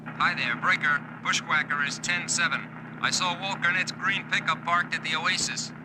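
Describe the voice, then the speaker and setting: A trucker on CB radio. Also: male voice, a little high, fairly even intonation, noisy background. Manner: trucker CB lingo, brisk radio call. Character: male trucker answering over a CB radio. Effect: heard through a CB radio.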